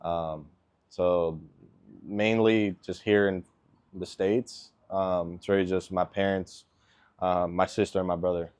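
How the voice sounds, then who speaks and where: Low voiced guy in his 20s, from venezuela, raised in miami, easygoing, lots of ums and likes. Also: steady tone, takes it slowly, darkish tone, smooth. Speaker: guest, NFL kicker. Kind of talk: casual interview answers.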